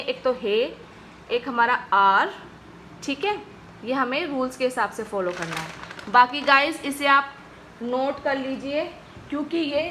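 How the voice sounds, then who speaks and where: Female tutor, high bright voice, slow patient delivery, faint background hum. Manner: patient, repeats "ठीक है guys" often. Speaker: stenography teacher. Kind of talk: video lesson explaining strokes.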